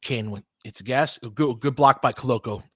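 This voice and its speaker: A man with a mid-range voice does casual live basketball play-by-play at a moderate pace, recorded in studio quality with no echo. As commentator and host, he calls the action in clipped phrases and adds conversational analytical asides.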